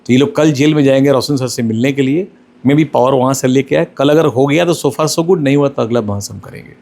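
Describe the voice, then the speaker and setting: A middle-aged male lawyer answering interview questions, explaining step by step in a measured way and mixing in English legal terms. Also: mid-range voice, a little mellow.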